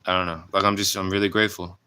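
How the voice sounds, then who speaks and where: A young man in his late twenties speaks in a reflective personal vlog, earnest and halting as he restarts his sentences. His voice sits very low but sounds bright and clean. He stays fairly even in pitch throughout. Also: smooth. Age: 20s. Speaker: vlogger.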